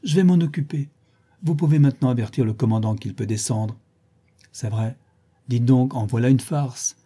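A man's voice: medium pitch, moderate pace, mellow, husky, natural voice. A man voicing a gossipy, scheming old female concierge in a raised, chattering voice. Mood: gloating.

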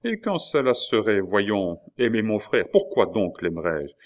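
A feverish young king, bitter and quick to wrath, declaims in a deep, low voice, as a man reads him out. The delivery is agitated and theatrical, pitched like a storybook reading. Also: sing-song.

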